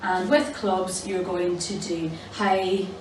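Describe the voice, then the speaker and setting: A woman's voice: lowish voice, little pitch movement, takes it slowly. A woman demonstrating an exercise game for children, giving simple, encouraging instructions. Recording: roomy, distant mic with clear background noise.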